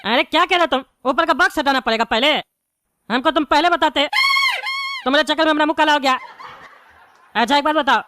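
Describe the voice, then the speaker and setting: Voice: high voice, fast talker, pauses often, background noise, natural voice. Someone voicing a ranting bald cartoon politician. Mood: grumbling. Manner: angry, threatening rants. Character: bald blustering male politician, hot-tempered. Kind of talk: cartoon voice acting.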